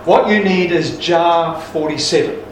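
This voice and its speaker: Smug miracle doctor, played by a man, calm and flat, distant echo. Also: fairly high pitch, a little slow, slight background noise, lightly acted. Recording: echoey hall from far off.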